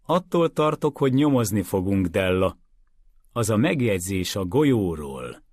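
A man reading aloud, voicing a calm, dry-witted male lawyer who speaks in a measured, firm way. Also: fairly low pitch, dry recording. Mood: wry.

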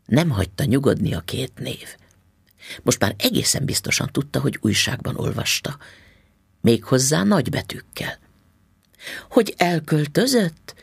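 A man narrating a story as an audiobook reading, in a calm, measured way. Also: mid-range voice, vocal fry, slightly rough, dry recording, clean studio sound.

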